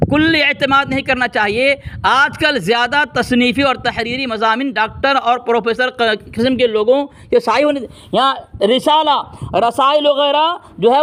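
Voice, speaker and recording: High male debater, keeps repeating himself, talks over his rival, reads out citations. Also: bright, forceful tone. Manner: reads out book references. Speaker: religious debater. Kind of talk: heated religious debate.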